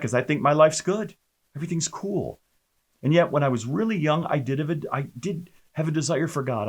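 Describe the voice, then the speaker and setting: A male pastor recounts his personal testimony in a lively, storytelling manner. His pitch swings widely as he talks, and he often stumbles over fillers and restarts his sentences. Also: slightly rough.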